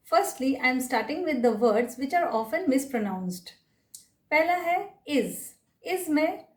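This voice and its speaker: Slow, high-voiced woman teaching pronunciation. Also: darkish tone, echoey room, recorded from a distance. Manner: repeats each word carefully, mixing Hindi with English terms. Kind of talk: explanatory lesson, slow and deliberate.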